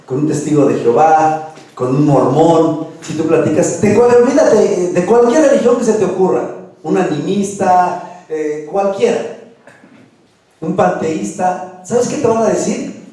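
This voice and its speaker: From far off in a very echoey church hall comes a man's fairly high, dark voice with a Mexican Spanish accent. He preaches a sermon conversationally, repeating words and putting questions to the audience.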